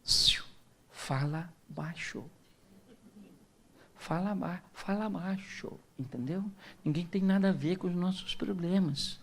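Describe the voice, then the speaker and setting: A man with a Brazilian Portuguese accent voicing a husband who urgently hushes his wife in a low, quiet voice. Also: slow pace, pauses often, slight background noise, exaggerated voice. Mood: hushing.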